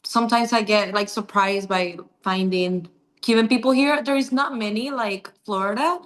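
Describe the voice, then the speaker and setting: A woman's voice: mid-range voice, normal speed. Young woman from cuba chatting on a video call, easygoing, short friendly answers. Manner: friendly, relaxed, brief answers. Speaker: guest, beauty pageant titleholder. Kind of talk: casual video-call interview.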